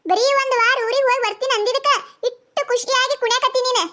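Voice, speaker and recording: A woman voicing a sharp-tongued, scolding village mother-in-law in a cartoon comedy, with a North Karnataka accent. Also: very high voice, steady tone, quick pace. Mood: sarcastic. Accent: North Karnataka Kannada. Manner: nagging, sarcastic, scolding.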